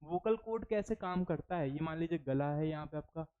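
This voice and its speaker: On a dull lo-fi recording, a man speaks a little fast in a fairly high, clear, resonant voice with an Indian English accent. Teaching English, he delivers a phonetics lecture for exam prep, mixing Hindi and English and drilling words through repetition.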